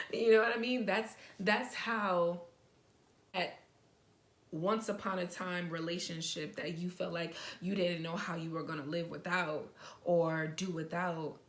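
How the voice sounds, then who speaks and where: A young adult woman vlogger giving casual advice to the camera, talking excitedly and rambling, often stuttering and restarting. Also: on the low side, unhurried.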